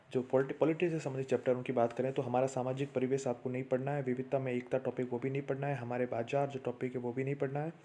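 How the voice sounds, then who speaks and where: Flat-voiced male exam tutor. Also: medium pitch. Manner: steady list-like delivery, addresses viewers as friends. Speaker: exam prep teacher. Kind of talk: exam syllabus walkthrough.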